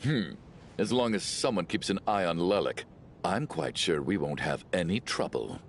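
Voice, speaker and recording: A man's voice: low voice, lively intonation, moderate pace, a little hiss or hum. A man playing a blustering, suspicious, easily rattled man in a video game, with an exaggerated delivery. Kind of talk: animated game voice acting.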